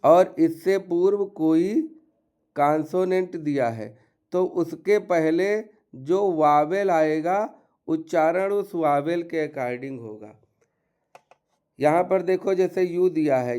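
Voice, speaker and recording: This classroom-style English pronunciation lesson is led by a man whose voice is on the high side, warm, clear and resonant. He explains the rules step by step and lists example words.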